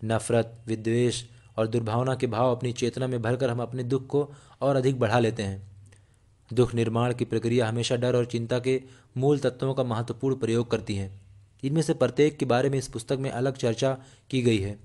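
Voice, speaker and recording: Male narrator, mid-pitched, steady earnest audiobook read with the odd slip. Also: moderate pace. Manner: steady, earnest reading with small slips and restarts.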